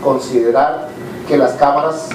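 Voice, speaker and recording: A man's voice: mid-range voice, fairly even intonation, measured pace, a little mellow. A middle-aged man with a Costa Rican accent, a business leader giving a candid, conversational conference talk with frequent "eh" fillers. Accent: Costa Rican Spanish. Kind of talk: conversational speech to an audience. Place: conference hall with a live audience. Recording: echoey hall, distant mic, faint noise.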